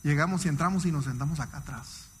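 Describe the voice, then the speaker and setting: A man giving an emotional, emphatic sermon testimony to a congregation, his pitch swinging widely. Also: quick pace, a little hiss or hum. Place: church hall. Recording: long church hall reverb.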